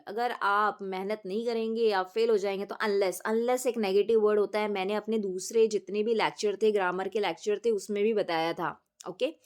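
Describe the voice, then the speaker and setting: Woman explaining an exam paper. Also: mid-range voice. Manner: explains step by step, asks and answers her own questions; reads question items slowly and clearly. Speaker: English teacher. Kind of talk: exam paper walkthrough lesson.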